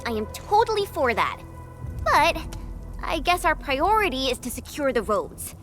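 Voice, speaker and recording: Eager young heroine, high and lively, light music. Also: female voice, a little slow, heavily acted. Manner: bright and eager. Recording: game audio with music.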